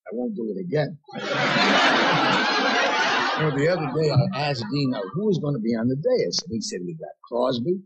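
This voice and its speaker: A man's voice: mid-range voice, sing-song, normal speed, pauses often, crowd noise, low-quality recording. Man delivering a punchy roast speech. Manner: punchy, self-mocking timing. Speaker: guest of honor. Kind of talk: roast speech, comic monologue. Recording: 1970s TV broadcast, audience laughter.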